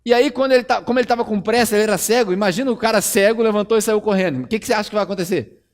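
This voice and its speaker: A Brazilian man preaches a sermon in a church with a relaxed, chatty tone. His voice sits high and he tells the story with a lot of energy. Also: rapid-fire. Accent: Brazilian Portuguese. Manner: conversational, animated storytelling. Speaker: pastor.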